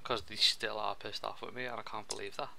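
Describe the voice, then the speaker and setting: Bright-voiced excitable young man gaming. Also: on the low side, creaky. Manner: excitable, quick outbursts and laughs. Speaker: co-op gameplay commentator. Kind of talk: casual gaming chat.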